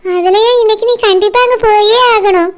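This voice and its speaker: A woman voicing a patient elder sister in a cartoon, gently coaxing and soothing in a Kanyakumari Tamil accent. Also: very high-pitched, brisk. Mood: consoling.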